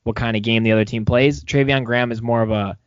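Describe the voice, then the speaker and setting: A man's voice: mid-range voice, fairly even intonation, fast talker, no echo. Male podcast co-host, optimistic sports talk, dry dull lo-fi sound. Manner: rambling, many restarts, upbeat. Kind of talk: casual sports chat.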